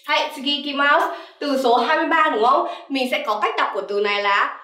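Calling herself sensei, a young woman teaches Japanese vocabulary and habitually checks with "right?". She speaks fairly quickly in a high, sharp voice. The recording is distant and off-mic in an echoey room with slight background noise.

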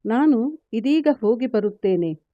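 A woman voicing a calm divine male counselor from an epic, consoling in measured sentences. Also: a little high, no room sound, lo-fi sound.

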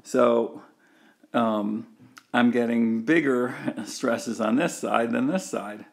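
Slow and gravelly, at a medium pitch, a man's voice takes listeners through a diagram one step at a time in a recorded engineering lecture, with plenty of fillers and restarts along the way.

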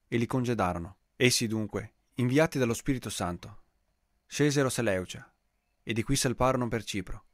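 A man of ordinary middle pitch reads scripture in a measured, solemn way. His voice is close to the mic with a dry, dead sound and no room around it. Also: no room sound. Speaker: scripture reader. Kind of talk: liturgical scripture reading.

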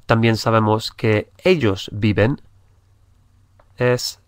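A man's voice: on the low side, slow, no echo, studio quality. A man teaching a language lesson, patiently repeating each phrase and spelling out letters. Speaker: English teacher. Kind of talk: slow spoken language lesson.

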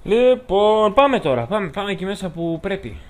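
A man with a Greek accent does chatty, joking let's-play commentary, talking to the game's characters as he goes. His voice sits high and swings widely in pitch.

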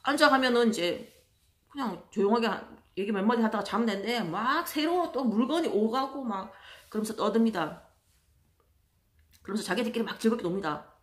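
A woman telling stories in a casual monologue, chatty and exasperated, acting out other people in loud voices. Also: a little high, animated, fairly quick. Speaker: vlogger.

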